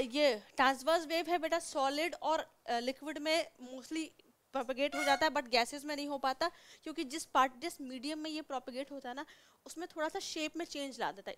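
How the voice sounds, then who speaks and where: A young Indian woman gives a classroom science lesson in a high, light voice. She explains patiently, point by point, repeats the key terms and keeps checking that students follow. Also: fairly bright tone. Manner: explains step by step, repeats key words, checks in with 'theek hai'. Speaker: science teacher.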